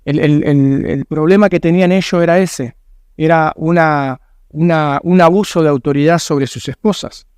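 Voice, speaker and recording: A man with a Rioplatense Spanish accent delivers an earnest sermon, pressing his points with rhetorical questions. His voice sits a little high and comes across smooth and resonant. The sound is close and dry. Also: normal speed, a little mellow, no echo. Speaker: pastor. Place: church.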